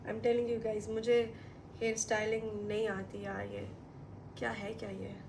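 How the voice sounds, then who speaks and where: A woman's voice: medium pitch, measured pace, vocal fry. A young woman in her twenties vlogging in a casual, chatty way, switching often between Hindi-Urdu and English. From Pakistan. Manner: chatty, excitable, switches between languages mid-sentence. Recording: noisy home recording.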